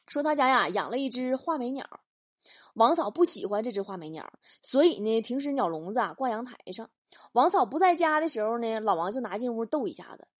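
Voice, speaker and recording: Young woman, comic storyteller, higher voice, swooping animated pitch. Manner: lively, teasing, laughs at her own jokes. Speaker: comedy talk show host.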